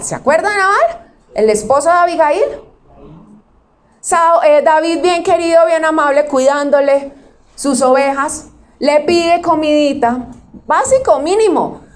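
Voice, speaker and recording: A woman pastor preaching conversationally, often asking the audience questions and acting out quotes. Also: high-pitched. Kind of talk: sermon.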